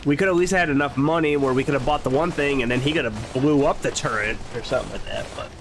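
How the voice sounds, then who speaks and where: A man's voice: medium pitch, fast talker, creaky, background noise. A man streaming a video game, chatting casually and hopefully while he plays. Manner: chatty, hopeful, repeats himself. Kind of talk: casual gaming chat.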